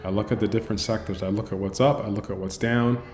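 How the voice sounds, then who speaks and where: A man's voice: fairly low pitch, fairly even intonation, fast, darkish tone, roomy sound, faint music behind. A man coaching options traders in an end-of-day recap over a screen share, emphatic, repeating phrases and tagging his lines with "right?".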